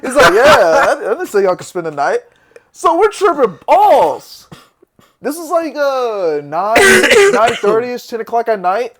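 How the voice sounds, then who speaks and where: A man with a fairly high voice tells a long, rambling story in casual chat. He laughs often and swears freely as he goes. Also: huge pitch swings, unhurried, very noisy. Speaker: podcast host.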